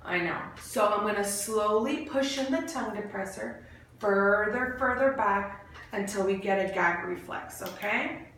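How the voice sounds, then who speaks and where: Encouraging lady clinician giving exam instructions, really echoey, far from mic, bit of noise. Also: medium pitch. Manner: encouraging, frequent short praise. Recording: very echoey room, distant mic, faint noise.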